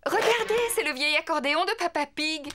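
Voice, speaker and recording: An actress playing an affectionate, lively mother pig in a cartoon, expressive and gently teasing. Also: sits high, brisk, slight background noise. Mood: fond.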